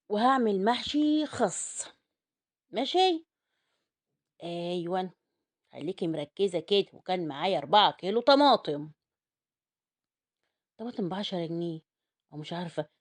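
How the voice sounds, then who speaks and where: A woman with an Egyptian accent, a home cook taking food orders, chatting through a casual cooking vlog. She talks straight to her viewers and turns loud and indignant over food prices. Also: medium pitch. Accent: Egyptian Arabic.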